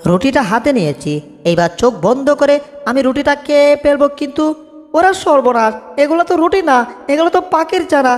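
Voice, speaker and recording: A woman's voice: high-pitched, lively intonation, a little fast. Tom, a woman doing a whiny bumbling cartoon cat. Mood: fretful. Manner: whiny, fretful, cries out in alarm. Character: soft-hearted bumbling male cartoon cat. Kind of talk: homemade cartoon dub. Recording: long reverb, echoey room.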